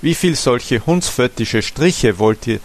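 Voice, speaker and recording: A man voicing a drunk, ranting village barber who shouts and wails in falsetto in a storybook reading. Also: expressive, slow pace.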